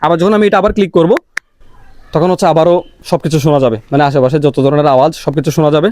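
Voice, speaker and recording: A man's voice: a little high, darkish tone, no room sound. A young man casually reviewing a gadget outdoors on a clip-on wireless mic, his voice passed through noise cancellation processing. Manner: rapid, chatty, explaining step by step. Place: outdoors by a road.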